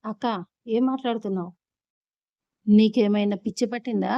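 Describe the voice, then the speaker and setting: A woman's voice: medium pitch, normal speed, no room sound, muffled recording, natural voice. A woman playing a protesting young brother. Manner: protesting, earnest.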